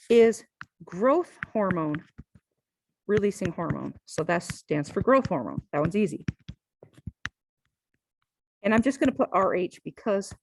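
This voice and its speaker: A woman's voice: mid-range voice, dry recording, rough recording. A woman teaching a physiology class, talking conversationally and often checking in with "all right?". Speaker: physiology lecturer. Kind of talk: classroom lecture.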